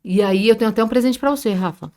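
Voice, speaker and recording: A woman's voice: fairly high pitch, fast talker. A middle-aged woman with a São Paulo Brazilian accent, a business owner who is a guest on a podcast, telling emotional stories, joking and acting out quoted dialogue. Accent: Brazilian Portuguese, São Paulo area. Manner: animated, jokes and acts out quoted dialogue. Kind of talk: emotional storytelling in a podcast interview.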